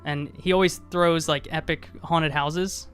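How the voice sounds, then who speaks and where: A man's voice: on the high side, steady tone, a little slow, fairly bright tone, soft background music. A man co-hosting a podcast, chatting casually on a live stream and rambling with many fillers and restarts. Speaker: podcast co-host.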